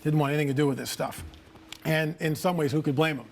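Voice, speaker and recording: A man's voice: fairly high pitch, fairly even intonation, quick pace. A man speaking as a guest on a TV interview, telling stories with confident, emphatic statements. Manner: confident storytelling, emphatic, declarative.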